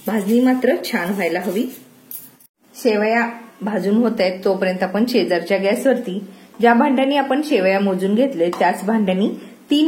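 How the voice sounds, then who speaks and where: A woman hosting a cooking channel, calmly walking through a recipe step by step in a home kitchen. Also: medium pitch. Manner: calm, step-by-step instructive. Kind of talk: recipe narration. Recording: echoey kitchen, faint noise.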